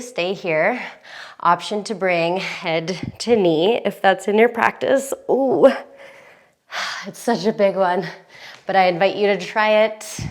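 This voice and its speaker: A young woman teaching a yoga class, giving calm breath cues with sighs, a bit out of breath. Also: on the low side. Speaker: yoga instructor.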